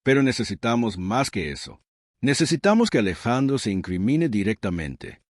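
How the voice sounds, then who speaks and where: A man's voice: medium pitch, big pitch swings, moderate pace, darkish tone, dry recording, studio quality. A man voicing a confident male ally who lays out a plan step by step in an instructive manner, within a read-aloud story.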